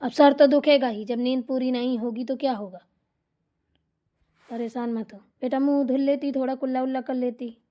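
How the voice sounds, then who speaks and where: A woman voicing a bossy, scolding older mother-in-law in a cartoon comedy, shrill and insulting. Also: fairly even intonation, normal speed, dark tone, natural voice. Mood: soothing.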